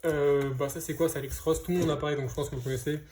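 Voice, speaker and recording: Rapid-fire and dark in tone, a man's slightly high voice keeps fairly even intonation over slight background noise. He's a comic book collector vlogger presenting his purchases in a casual unboxing chat, sounding hesitant with many fillers and restarts.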